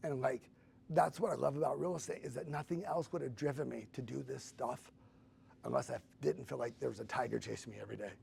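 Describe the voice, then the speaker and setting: Earnest gravelly-voiced man in his fifties. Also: mid-range voice, fairly even intonation, fast talker, a little mellow, a little hiss or hum. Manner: earnest and emotional, with casual "like" fillers. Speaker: guest sharing his story. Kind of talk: candid personal storytelling.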